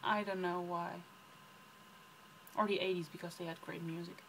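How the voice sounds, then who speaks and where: In a low-quality recording with a little hiss or hum, a young Dutch-accented woman from the Netherlands casually answers book tag questions, ums and rambling asides throughout. Her voice is lowish and a bit bright, with a level tone and normal speed.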